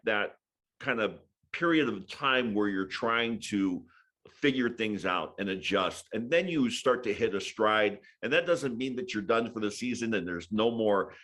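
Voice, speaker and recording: A man's voice: fairly low pitch, fairly bright tone. A man from Hawaii, a sports broadcaster, talking as a guest in a casual interview, thoughtful with many fillers.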